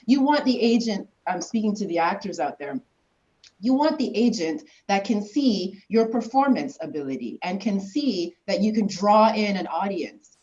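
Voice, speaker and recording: A woman's voice: mid-range voice, animated, moderate pace, warm tone. A woman speaks over dull, muffled video call audio, giving actors emphatic advice. She talks earnestly and leans on fillers as she presses her points. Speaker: panelist advising actors. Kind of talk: online panel discussion.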